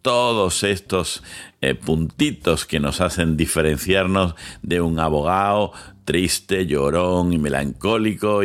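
A man hosting his podcast in a monologue, with dramatic pauses, slow emphatic phrases and quick lists, speaking into a studio mic. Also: low voice. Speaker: podcast host, lawyer. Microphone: studio microphone with headphones.

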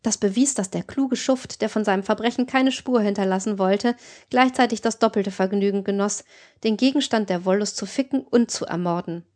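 A woman reads a novel aloud as an audiobook narrator, keeping a calm, even tone. Her pitch sits in a typical middle range, and the delivery is steady, scripted narration. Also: fairly quick.

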